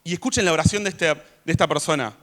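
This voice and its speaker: Lively man preaching a sermon. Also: fairly high pitch, fast. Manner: conversational, rising to loud emphasis when reading scripture. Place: church.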